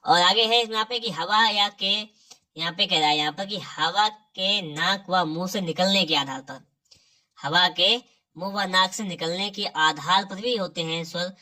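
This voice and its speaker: A man's voice: high-pitched, unhurried, sharp tone, far from the mic. A man teaching an exam-prep lesson who keeps quizzing his students and saying "theek hai" after each point. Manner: quizzes the listener, repeats "ठीक है".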